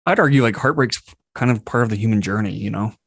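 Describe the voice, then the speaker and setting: A man's voice: lowish voice, fast, fairly bright tone, no echo, clean studio sound. A man hosting a podcast, talking casually in an informal, reflective way. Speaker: podcast host. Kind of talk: casual conversation.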